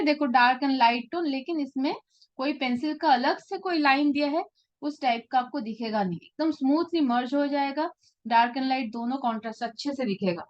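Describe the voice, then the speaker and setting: A woman's voice: sits high, dull audio. A woman teaching a live portrait-drawing class, explaining patiently and often checking that her students follow. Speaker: art teacher.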